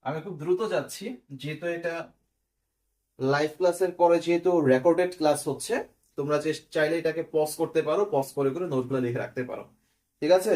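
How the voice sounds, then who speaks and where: This is a recorded online English grammar class taught by a man with a fairly high pitch and a darkish tone. He explains each step in order, quizzes students, and often asks "clear?" to see if they follow.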